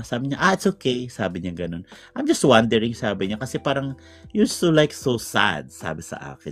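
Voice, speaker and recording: A man from the Philippines rambles through a personal story with lots of restarts and quick asides. His pitch swings widely as he talks. Faint music sits under the voice. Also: a bit bright. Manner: rambling, code-switching Tagalog and English, many restarts. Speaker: podcast guest telling a story. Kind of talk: casual storytelling chat.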